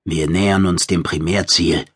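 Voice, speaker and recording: A male audiobook narrator voicing a proud but outmatched male alien warrior who speaks flatly. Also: sits low, normal speed, husky, no room sound. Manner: flat, terse. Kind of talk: audiobook character voice.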